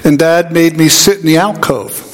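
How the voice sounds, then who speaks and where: A man preaching a sermon, an animated storyteller who acts out voices in his anecdotes. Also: a little high, moderate pace, faint music behind. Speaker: pastor. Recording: hall reverb.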